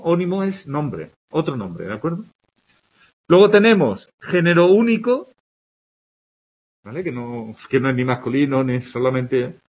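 Husky, lively Spanish teacher explaining grammar. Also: male voice, a little high, lo-fi sound. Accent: Spanish from Spain. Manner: explains with examples, checks in with "¿de acuerdo?". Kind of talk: classroom grammar lesson.

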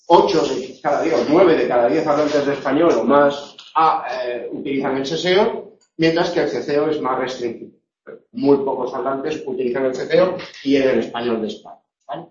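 A man teaching a class on pronunciation, drawing out his examples slowly and checking in with the students again and again. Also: a little high, a little mellow, slight background noise. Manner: slow, drawn-out examples with frequent "¿eh?" and "¿vale?" checks. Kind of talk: classroom lecture on phonetics. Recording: echoey room, distant lo-fi mic.

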